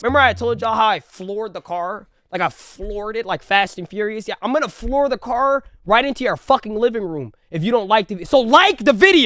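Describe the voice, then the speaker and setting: Animated young man telling a story over music. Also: high voice. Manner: animated, profane, slangy storytelling. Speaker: storytime vlogger. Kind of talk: casual comedic storytelling. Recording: music playing loudly under the voice. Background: background music.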